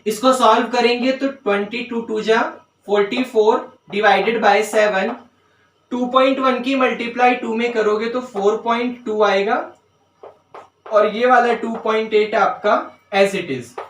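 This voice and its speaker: A man teaching a maths lesson step by step, often checking whether students follow and slowly dictating terms as he writes. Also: very high voice, fairly even intonation, a bit bright, recorded from a distance, a little hiss or hum. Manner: dictates English terms slowly while writing. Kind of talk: board-work maths lesson. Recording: roomy sound, voice away from mic.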